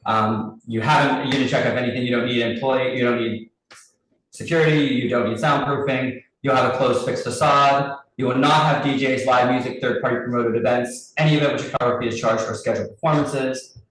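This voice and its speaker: A man chairing a public committee meeting over a group video call, briskly reading out license terms and calling a vote. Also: mid-range voice, steady tone, fairly bright tone. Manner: brisk, businesslike, reads lists with small restarts. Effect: heard over a group video call. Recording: very roomy echo from a distant mic, faint noise.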